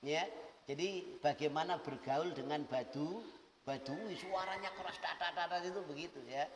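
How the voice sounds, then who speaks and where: A man's voice: on the high side, moderate pace, crowd noise. A middle-aged man with an East Javanese accent, giving a sermon and explaining Arabic phrases word by word in a folksy manner. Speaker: religious teacher. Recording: echoey hall, voice from far off.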